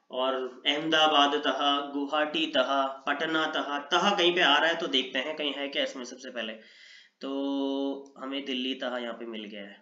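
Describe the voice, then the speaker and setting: A man teaches with lively energy and slips English words into his explanations. His voice is bright and forceful and sits a little high. The recording is dull and lo-fi, with an echoey room around him. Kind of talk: online Sanskrit lesson in Hindi.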